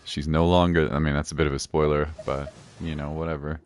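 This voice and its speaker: This live game streamer speaks fairly quickly in a rumbling low voice with a level tone. He's chatty, relaxed, and playful as he commentates, over background music and a slight hiss or hum.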